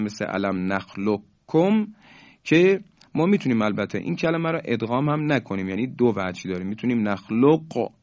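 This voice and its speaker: A man giving a calm radio lesson on recitation rules, stretching the example words out slowly. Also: mid-range voice, no echo, highs cut off. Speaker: Quran recitation teacher on radio.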